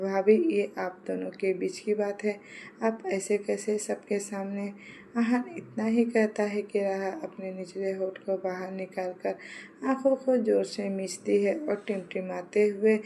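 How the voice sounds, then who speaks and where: Mellow-voiced woman narrating a story. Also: mid-range voice, slight background noise.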